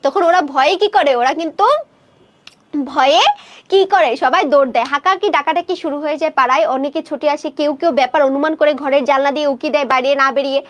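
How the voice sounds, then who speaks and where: A woman's voice: sits high, fairly quick. A woman teacher explaining a short story to students in a conversational lecture, asking questions and answering them herself.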